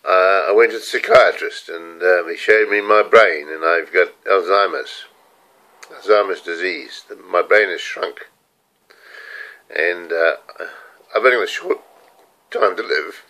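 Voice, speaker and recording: A man's voice: deep voice, measured pace, long pauses, bright, forceful tone, rough recording. A man in his seventies with a New Zealand accent, talking candidly to camera at home in a rambling personal video diary, swearing casually. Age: 70s. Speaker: video diarist. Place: room at home.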